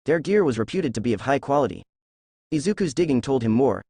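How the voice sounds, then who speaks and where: A man reading a fan fiction story aloud in a steady storytelling voice. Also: medium pitch, quick pace, slightly rough, no echo, clean studio sound. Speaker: narrator.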